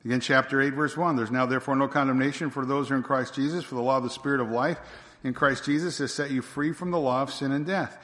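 Preacher in a reverberant hall. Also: male voice, medium pitch, steady tone, fast talker, fairly bright tone. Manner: emphatic, repeats rhetorical questions. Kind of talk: sermon. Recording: long reverb of a large hall.

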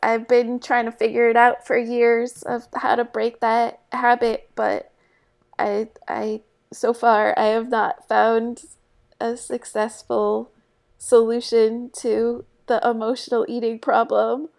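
Slow, gravelly-voiced woman co-host. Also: on the high side, monotone, a little mellow. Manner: halting, restarts her sentences often. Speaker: podcast co-host. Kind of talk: casual chat.

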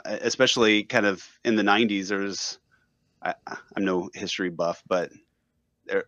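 A low-voiced man on a podcast who muses aloud and hedges his points, using "like" again and again. The recording is dry and slightly dull. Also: fairly bright tone, no echo. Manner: thoughtful, hedging, many "like"s. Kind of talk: casual discussion.

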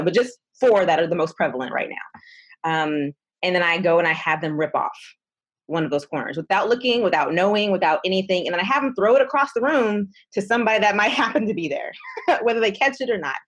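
A woman who teaches classes, explaining a classroom activity in a relaxed way. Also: fairly low pitch. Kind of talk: conversational explanation.

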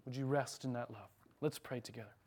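A man's voice: medium pitch, brisk, a little mellow. A man preaching an earnest, emphatic sermon as pastor, then leading a prayer in church.

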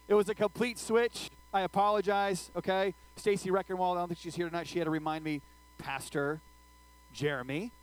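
Man with a high voice, youth pastor, casual sermon, animated, keeps asking "okay?", tells funny stories. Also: low-quality recording. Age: adult, older than his teen listeners. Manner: animated, checks in with listeners after nearly every sentence; tells funny personal stories, acting out his own screaming.

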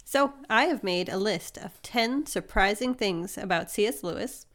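A woman's voice: medium pitch, expressive, moderate pace, fairly bright tone. A woman hosting a podcast, explaining things in an upbeat, conversational way with frequent laughs. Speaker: podcast host. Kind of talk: casual chat.

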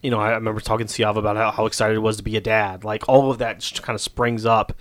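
A man in casual church conversation, speaking in a halting, heartfelt way with many restarts, at a studio mic. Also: lowish voice, little pitch movement. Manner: jokey, then emotional and halting. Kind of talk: casual church podcast chat.

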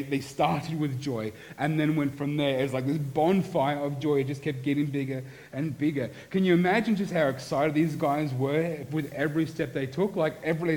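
A middle-aged man preaching a sermon as pastor, earnest, moving between animated and hushed passages. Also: a little high, low-quality recording.

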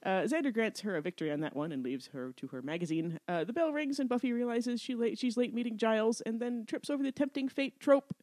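A woman's voice: a little high, fast, few pauses, no room sound. A woman co-hosting a podcast, casually recapping a TV episode, laughing often and correcting herself as she goes. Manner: laughs often, self-correcting, animated retelling.

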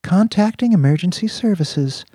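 A man's voice: high-pitched, animated, normal speed, dark tone, slightly rough, no echo, studio quality, pitched above the performer's own voice. A man voicing a sultry female car assistant speaking through the comm, sensual and soothing. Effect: comm feed.

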